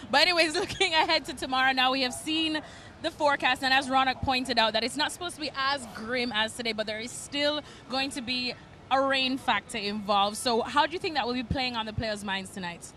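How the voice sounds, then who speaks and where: A woman presenting a cricket panel in a lively, chatty way, outdoors. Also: high-pitched, a little fast, a little hiss or hum.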